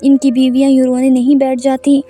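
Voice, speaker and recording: A woman's voice: high-pitched, completely flat delivery, warm tone, faint music behind. A woman voicing a young husband who speaks harshly and scolds, in a narrated story. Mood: angry. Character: young husband, angry and demanding.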